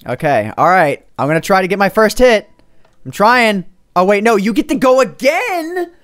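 Young male gamer, slightly high voice, excitable self-mocking banter with many restarts. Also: normal speed. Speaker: gaming YouTuber playing a minigame. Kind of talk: casual gaming banter.

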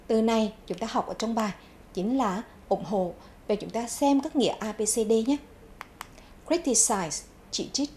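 On a televised lesson recorded in a TV studio, a woman goes over English vocabulary, repeating each word twice and then explaining it. She speaks clearly and measuredly like a classroom teacher, in a slightly high, somewhat mellow voice with slight background noise.

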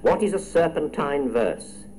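A man's voice: a little high, lively intonation, measured pace, a little mellow, a little hiss or hum, poor audio. A man hosting a radio quiz, reading questions and teasing contestants in chatty asides. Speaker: quiz show host.

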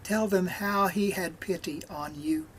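A man reading Jesus, calm and commanding. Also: high voice, slight background noise. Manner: slow, gentle reading voice.

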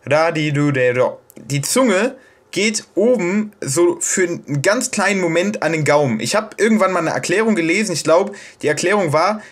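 A man's voice: high voice, expressive, normal speed. A man from Germany explaining pronunciation in a casual, hesitant tutorial, with many fillers and restarts. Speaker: video host explaining Japanese pronunciation. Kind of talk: casual self-made tutorial.

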